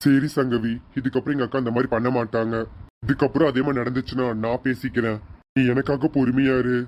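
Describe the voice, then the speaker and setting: An actor playing a gentle husband and elder brother who speaks softly and consolingly. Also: male voice, medium pitch, level tone, fast, dull audio, close to an everyday voice. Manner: soft, consoling. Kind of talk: TV serial acting.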